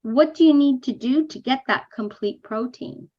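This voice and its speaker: Woman, higher voice, host asking brief follow-up questions on a video call. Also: normal speed, highs cut off. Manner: asks short clarifying questions. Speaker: interviewer. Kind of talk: casual interview.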